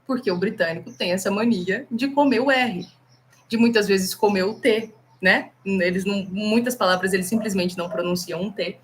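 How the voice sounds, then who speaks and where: A Brazilian woman with a Brazilian Portuguese accent, teaching English in a casual, animated live lesson and talking straight to her viewers. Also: mid-range voice, normal speed, a little hiss or hum.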